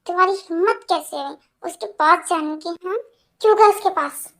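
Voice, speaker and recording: A woman's voice: extremely high pitch, slow, pitched below the performer's own voice, heavily acted. Woman voicing a possessive jealous young man. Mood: angry. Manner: angry, forceful, then pleading. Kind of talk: amateur fan dub.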